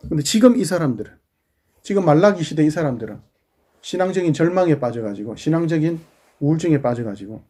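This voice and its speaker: A middle-aged man, a pastor giving a sermon in a conversational way, asking the congregation questions and dropping into quiet asides. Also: a little high, lively intonation, fast talker, breathy edge.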